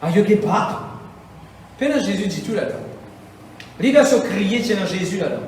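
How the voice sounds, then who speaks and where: A man preaching a sermon as pastor, with impassioned, repetitive phrasing and shouted bursts. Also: sits high, animated, normal speed, slight background noise. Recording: echoey hall, mic from far off.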